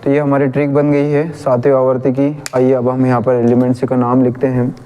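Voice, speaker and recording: A man's voice: medium pitch, monotone, brisk, dark tone, clean tone, muffled recording. A man with a Hindi accent teaching chemistry, patiently repeating a memory trick and correcting his own slips.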